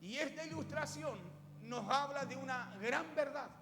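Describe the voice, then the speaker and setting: A man's voice: very high-pitched, a little slow. A male pastor telling a fable in his sermon, often speaking straight to his listeners. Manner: storytelling, addressing the congregation directly. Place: church. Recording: echoey hall with music.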